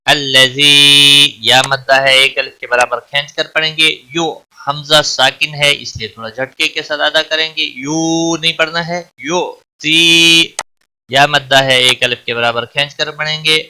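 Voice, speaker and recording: A man teaching Quran recitation rules in a recorded lesson, explaining each letter and then reciting it slowly and drawn out. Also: fairly high pitch, steady tone, pushed and bright.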